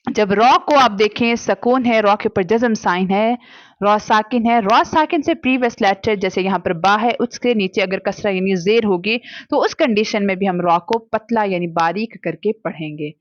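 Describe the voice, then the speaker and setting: A woman teaching children to read the Quran with its recitation rules, explaining patiently and drawing out syllables slowly when she demonstrates them, with English words mixed into her talk. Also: mid-range voice, no echo, dull audio. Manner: mixes English words into Hindi speech. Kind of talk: Quran recitation lesson for kids.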